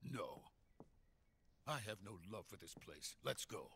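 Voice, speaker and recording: An actor playing an anxious middle-aged Soviet scientist in a video game cutscene, speaking in a formal, deliberate, earnest way. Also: male voice, on the low side, animated, bright, forceful tone, a little hiss or hum, heavily acted. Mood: subdued, uneasy.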